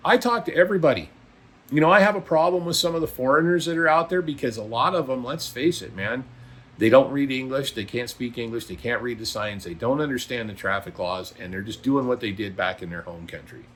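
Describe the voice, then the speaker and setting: Talking to his viewers in a relaxed vlog, the older or middle-aged trucker comes across as blunt, folksy, emphatic and full of opinions. His mid-range, fairly bright voice moves a little fast, with slight background noise.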